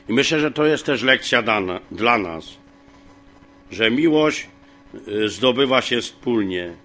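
A man teaching from the Bible in a homely, rambling way, with many fillers and frequent throat clearing. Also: medium pitch, expressive, takes it slowly, long pauses, pushed and bright. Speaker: preacher.

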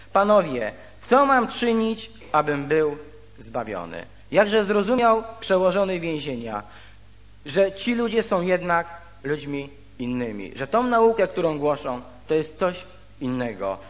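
A man preaching a sermon in a church hall, his pitch sitting a little high and rising and falling a lot as he reads scripture and then explains it. The long reverb of the room trails behind each phrase. He moves slowly from reading to explaining.

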